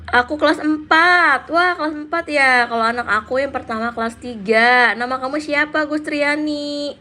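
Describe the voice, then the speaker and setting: A woman's voice: high-pitched, moderate pace, bright, forceful tone. A woman in her thirties hosting a casual live stream, chatting with viewers and reading out their names and comments. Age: 30s. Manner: chatty, reads out viewer names and answers them.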